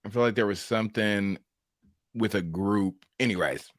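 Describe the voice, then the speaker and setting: A man's voice: on the low side, moderate pace, dry recording. Laid-back man co-hosting, dry mic. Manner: laid-back, sighing, short agreeing replies. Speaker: podcast co-host. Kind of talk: casual chat.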